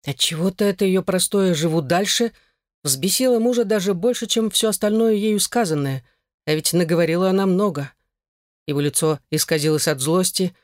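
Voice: medium pitch, no echo, clean studio sound. An audiobook narrator reading a novel aloud in scripted narration.

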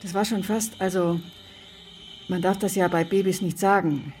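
A woman's voice: fairly low pitch, steady tone, moderate pace, darkish tone, faint music behind, close to an everyday voice. A woman playing a defensive, indignant mother. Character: defensive, self-righteous mother arguing with her daughter. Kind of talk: radio play acting.

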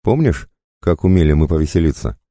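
A man's voice: extremely low pitch, sing-song, a little fast, mellow, no echo, clean studio sound, voice pushed up, full character voice. A man voicing a wily, talkative male rogue who mocks and teases with fake cheer. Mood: jaunty teasing. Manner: jaunty, teasing, fake-cheerful.

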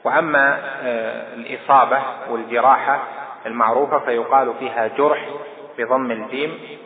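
Arabic-speaking scholar on a tinny, echoey tape. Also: male voice, medium pitch, steady tone, a crowd in the background. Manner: measured, deliberate teaching with drawn-out hesitations. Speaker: Islamic scholar teaching hadith. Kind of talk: scholarly lesson explaining a hadith. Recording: tinny, echoey old lecture recording.

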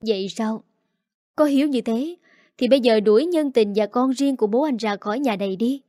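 A woman voicing a defiant, sharp-tongued young daughter-in-law who talks back in a cold, taunting way. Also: on the high side, brisk, no room sound, clean studio sound, close to an everyday voice.

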